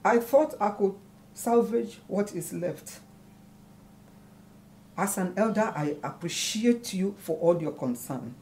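In a film melodrama, an actress voices a wounded, proud elder mother scolding her son, but here her mood is pleading and respectful. Her mid-range, darkish voice is animated yet slow, with frequent pauses, and her delivery stays emphatic and declamatory. Music runs beneath the lines amid slight background noise.

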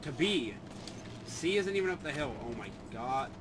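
Wry, swearing man over loud game sounds. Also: on the high side, moderate pace, background noise. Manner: wry, deadpan jokes and swearing. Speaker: gaming channel host. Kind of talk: casual gameplay commentary. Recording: game sounds clearly behind voice.

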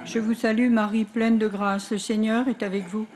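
A woman leading a recited rosary outdoors, evenly paced, her lines trailing softly at the end. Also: a little high, normal speed, slight background noise. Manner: even recitation, trailing softly at line ends. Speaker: prayer leader at an outdoor rosary.

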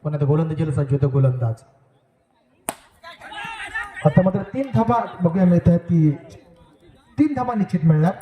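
A high-voiced man calls a village cricket match through an outdoor loudspeaker, his words bouncing around the open ground. A busy crowd is clearly heard behind him. He mixes joking asides with repeated pleas for the spectators to behave. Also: lively intonation, normal speed, long pauses, reverberant, muffled recording. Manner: jokey, repeatedly pleads with the crowd to cooperate. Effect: over an outdoor loudspeaker. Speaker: match commentator. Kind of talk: live local cricket commentary.

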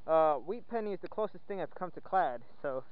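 A man chatting casually and playfully while metal detecting outdoors in the woods, excited over each find. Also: a little high, brisk. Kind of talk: casual outdoor vlog commentary. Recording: dull lo-fi outdoor audio with faint wind noise.

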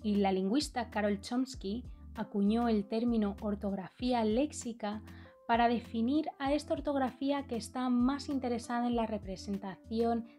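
A young adult woman with a Spain Spanish accent, explaining a language lesson clearly and steadily, with playful asides. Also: fairly high pitch, moderate pace, dark tone, soft background music. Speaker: language educator and video host.

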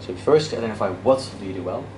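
A fast-talking man with a lowish voice, in his thirties and Dutch by first language, leads an interactive lecture for a debate workshop. He keeps it casual and self-deprecating, full of restarts and fillers, moving and gesturing in an indoor classroom with a projector screen. The recording, from a far camera, is distant, echoey and noisy.

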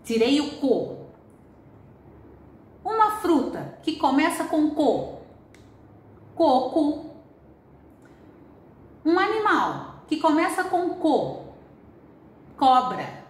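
Brazilian teacher lady reading out a kids lesson real slow, voice goes up and down a lot, roomy sound from away from the mic. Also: sits high, big pitch swings. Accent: Brazilian Portuguese. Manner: slow, clearly spelled-out instructions. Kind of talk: recorded classroom lesson for children. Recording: roomy distant home recording.

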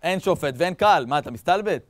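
A man voicing a hot-headed madman who complains in rough street slang. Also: a little high, animated, pitched above the performer's own voice, natural voice. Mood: indignant.

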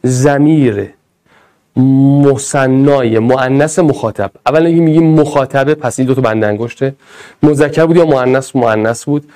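A man's voice: medium pitch, mellow. A middle-aged male teacher giving a classroom lecture, chanting drills and joking with the students.

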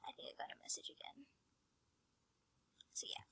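A woman's voice: normal speed, bright, forceful tone. A female vlogger talking casually and rambling as she works, often dropping her voice to a whisper. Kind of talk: casual screen-recorded vlog.

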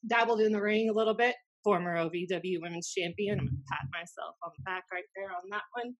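An American woman in her thirties, once a wrestling announcer and now a podcast co-host, trades snarky, wry banter into a desk mic in a small indoor room. Her voice is medium-pitched and fairly even, she talks quickly, and the recording is rough.

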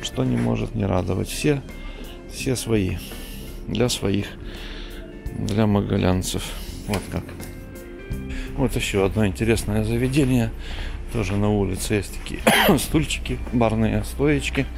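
Middle-aged man, low gravelly voice, relaxed street-tour chatter, music underneath. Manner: chatty, unhurried, coughs now and then. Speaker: vlogger. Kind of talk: casual walking tour commentary. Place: city street at night, outdoors.

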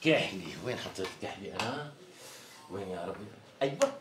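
A man playing a chatty flattering Syrian tailor. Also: fairly low pitch, quick pace, a crowd in the background, natural voice. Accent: Syrian Arabic. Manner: chatty, flowery, laughing salesman patter. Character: smooth-talking flattering male tailor, evasive about price. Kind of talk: TV sketch comedy acting.

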